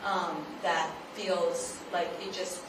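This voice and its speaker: Heard from afar in a noisy, very echoey venue, a woman guest author fields unscripted audience questions at her book talk. Her pitch is fairly low and barely moves. She sounds thoughtful and halting, hedging constantly with "like."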